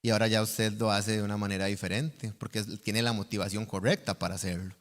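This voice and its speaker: A man's voice: lowish voice, level tone, quick pace. A man with a Costa Rican accent preaching a sermon in church, earnest and teaching, often checking in with the congregation. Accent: Costa Rican Spanish. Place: church sanctuary. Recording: long church hall reverb.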